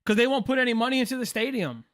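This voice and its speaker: A man's voice: very high-pitched, racing. A man in his late twenties, hosting a casual live stream, chatting loosely and answering viewers while reacting to a ball game. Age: 20s. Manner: relaxed, chatty, answers chat questions, says "bro". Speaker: livestream host.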